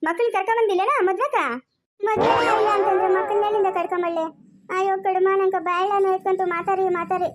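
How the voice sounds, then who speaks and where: Fast, very high-voiced village woman. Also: flat delivery, over loud music. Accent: Chikkaballapur rural Kannada. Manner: exasperated, fast nagging chatter. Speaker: comedy skit performer. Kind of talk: village comedy skit.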